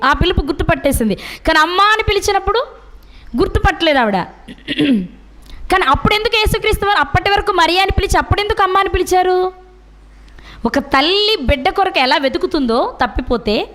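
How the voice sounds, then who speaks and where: A woman's voice: extremely high pitch, fairly bright tone. A middle-aged woman preaching a sermon, asking her listeners question after question. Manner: asks the listeners many rhetorical questions.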